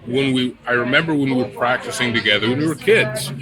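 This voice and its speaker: A man in his fifties talks blunt and joking as an interview guest, at a middle pitch. A thick crowd murmurs all around him. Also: fast talker. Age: 50s. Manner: blunt, joking, tells stories with acted-out quotes. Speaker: guest musician. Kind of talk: casual interview chat. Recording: busy crowd noise behind. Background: crowd chatter.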